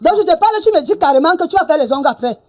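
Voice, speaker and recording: A woman's voice: high-pitched, expressive, racing, a little mellow. An actress playing a middle-aged mother who scolds her daughter, repeating herself with "hein" and "ah bon". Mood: scolding. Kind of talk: film drama acting.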